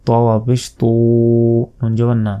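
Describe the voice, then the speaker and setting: A man with a Bangladeshi accent teaching recitation, spelling out each letter slowly and deliberately, then drawing out the recited phrases. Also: medium pitch, level tone, warm tone, clean tone, soft background music.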